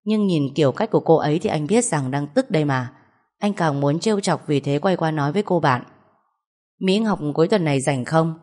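A young woman with a low voice tells a first-person audio story in a steady, even manner. She sounds settled and unhurried. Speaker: narrator.

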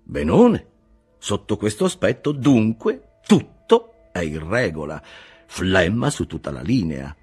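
An eloquent, faintly mocking Italian humanist, put on by a male audiobook reader. He presses his questions with a lifted, lively tone over a husky low base. Faint music sits under the recording. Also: takes it slowly, full character voice. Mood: ironic, probing. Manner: probing, mildly ironic, emphatic questions. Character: eloquent ironic Italian humanist man, middle-aged. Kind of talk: audiobook reading.

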